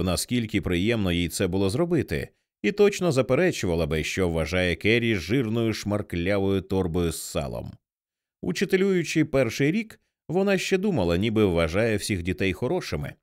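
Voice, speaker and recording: Low-voiced man reading a novel aloud. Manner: expressive, dramatic reading. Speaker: audiobook narrator. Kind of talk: audiobook narration.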